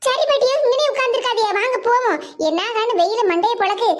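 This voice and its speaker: A woman voicing a young village woman in a cartoon, quick and coaxing, with a Kanyakumari Tamil accent. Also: very high voice. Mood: concerned. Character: brisk young village woman, caring neighbor. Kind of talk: animated comedy voice acting.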